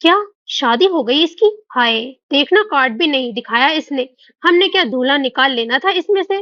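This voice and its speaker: A woman's voice: high voice, lively intonation, moderate pace, pushed and bright, no room sound. Indignant young woman, narrator voicing; dull recording. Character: touchy, indignant young female student.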